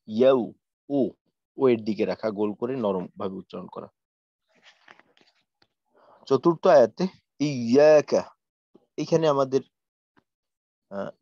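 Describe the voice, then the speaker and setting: A man teaching Quran recitation in an online class, explaining patiently and slowly stretching out sample verses. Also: mid-range voice, darkish tone, no echo. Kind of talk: online tajweed lesson. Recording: dry, muffled lo-fi audio.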